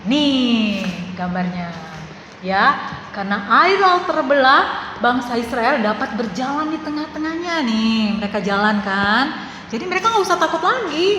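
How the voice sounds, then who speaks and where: A woman teaching a children's church class, telling a Bible story in a lively, animated storytelling manner. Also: fairly high pitch. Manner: lively storytelling to children, calls herself big sister. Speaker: Sunday school teacher. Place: church hall. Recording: echoey hall with faint room noise.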